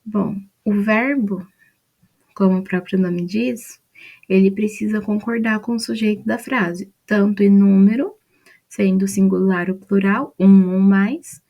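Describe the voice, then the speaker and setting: A Brazilian woman, a student presenting her study mind map, walks through grammar point by point, using "então" and often checking in with a quick "né?". Her mellow, relaxed voice sits at a middle pitch, and her teaching pace is unhurried and patient.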